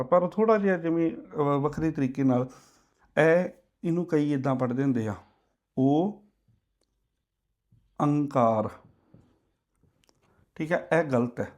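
Guy doing a recitation lesson, slightly high voice, stretches words out slow. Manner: slow drawn-out demonstration chanting. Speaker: Gurbani pronunciation teacher.

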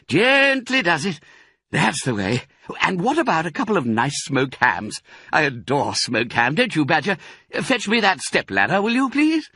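A man's voice: on the high side, bright, forceful tone, husky, no echo, clean studio sound, voice pushed up, heavily acted. Man voicing exuberant Mister Fox, swooping theatrical delivery. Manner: theatrical, exclamatory, relishing words. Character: exuberant, proud, bossy adult male fox, a doting father.

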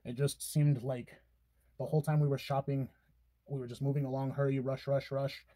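Mellow-voiced young man, teasing chat. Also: mid-range voice, level tone, normal speed, no room sound. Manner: playful, teasing, narrating his steps. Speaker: boyfriend doing makeup on camera. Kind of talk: casual chat while doing makeup.

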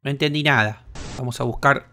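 A young man with a Rioplatense Spanish accent, commenting on his gameplay in an excitable, crude way with lots of swearing. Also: medium pitch, a little fast. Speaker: gaming host.

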